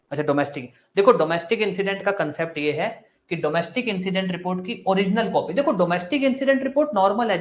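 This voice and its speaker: A male law teacher giving a live online class, asking questions and answering them himself in a casual, encouraging way. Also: sits high. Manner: casual and encouraging, mixes Hindi with English terms.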